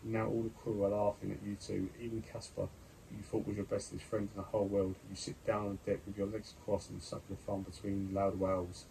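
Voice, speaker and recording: A man's voice: on the low side, completely flat delivery, a little fast, gravelly, mellow, a little hiss or hum, rough recording. A man reading an adventure gamebook aloud as he plays, muttering over his dice rolls and choices with hesitant fillers. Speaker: gamebook player and reader.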